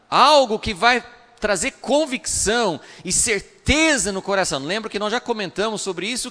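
A man preaching a sermon in an animated way, acting out the lines of biblical figures as he teaches. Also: high voice, in a large hall. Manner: animated, acts out biblical dialogue.

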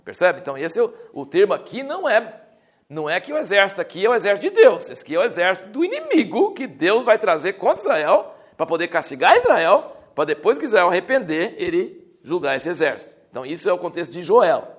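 A man's voice: high-pitched, big pitch swings, fast. A man teaching a Bible class in a conversational, explanatory way, often restarting his sentences and rising to emphatic stretches.

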